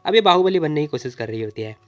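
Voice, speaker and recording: A man's voice: fairly high pitch, animated, quick pace. A man retelling a comic story in a chatty, informal way, often addressing the listener as brother. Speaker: comic recap narrator. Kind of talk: casual story recap narration. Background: faint music.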